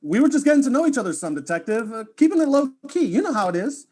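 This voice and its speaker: A man's voice: very high-pitched, big pitch swings, quick pace, a little mellow, exaggerated voice. An actor playing a laid-back young male video streamer in a student audio drama, talking in casual slang.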